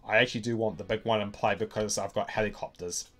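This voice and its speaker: A man's voice: lowish voice, fairly even intonation, fast talker, fairly bright tone, soft background music. A middle-aged man with a broad New Zealand accent, rambling and thinking aloud as he gives casual gameplay commentary on a stream. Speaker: game streamer. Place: indoor room at a desk.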